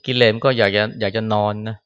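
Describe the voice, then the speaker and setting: A man's voice: lowish voice, level tone, quick pace, smooth. Male monk preaching informally in a temple hall; dry, muffled recording. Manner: conversational, ends phrases with a soft particle, acts out scolding quotes. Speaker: Buddhist monk giving a Dhamma talk. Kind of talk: sermon. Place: temple hall after chanting.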